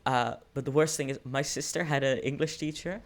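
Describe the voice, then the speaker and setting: A man's voice: mid-range voice, fairly even intonation, a little fast, slight background noise. A teenage man from the Netherlands with a Dutch accent, chatting casually in English with many hesitations and restarts. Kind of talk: casual chat.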